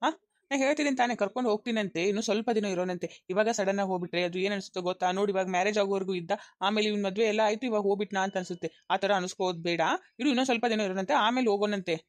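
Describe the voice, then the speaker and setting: Woman playing a coaxing young husband, rapid-fire. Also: mid-range voice, dry recording, clean studio sound, lightly acted. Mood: insistent. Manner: insistent, coaxing, repeating himself. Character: young husband caught between wife and mother.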